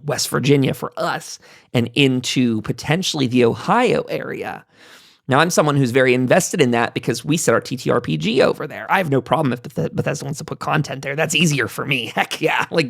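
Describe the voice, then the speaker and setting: A man with a medium-pitched, gravelly voice hosts a gaming roundtable, a casual panel discussion. He is chatty and enthusiastic and tends to ramble off into asides. The studio-quality recording has no echo.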